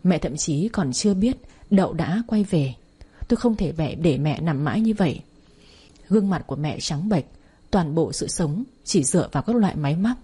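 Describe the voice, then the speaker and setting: A woman's voice: low-pitched, lively intonation, moderate pace, mellow, husky. A woman narrating a first-person audio story in an emotional, heartfelt reading.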